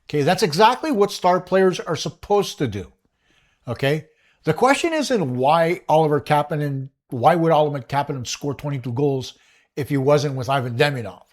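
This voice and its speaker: A man's voice: fairly high pitch, lively intonation, moderate pace. A man hosting a solo hockey analysis show, talking in an analytical, emphatic way and laying out his points step by step.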